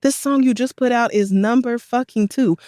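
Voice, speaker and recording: Laughing, blunt podcast woman, slightly high. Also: normal speed, dark tone, no echo, clean studio sound. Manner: laughs often, blunt, swears freely. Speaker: podcast co-host. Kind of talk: casual chat.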